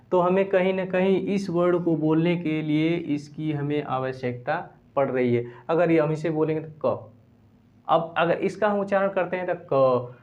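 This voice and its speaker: A man teaching a grammar lesson, explaining step by step, repeating phrases and dictating definitions slowly word by word. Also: fairly high pitch, darkish tone. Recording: dull lo-fi recording.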